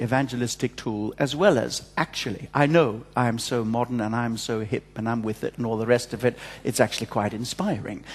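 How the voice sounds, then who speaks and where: A man with an ordinary mid-pitched voice speaks into a pulpit microphone, jovial and self-mocking as he gives church notices. His voice rings through a large church hall with a long, trailing reverb. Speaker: church service leader giving announcements.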